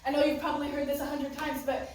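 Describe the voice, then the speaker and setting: A woman's voice: high-pitched, flat delivery, fast, a little mellow. A teenage girl giving an earnest, emotional testimony talk at a church youth group, laughing nervously between lines. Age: teens. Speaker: youth group student speaker. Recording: echoey room, mic far off.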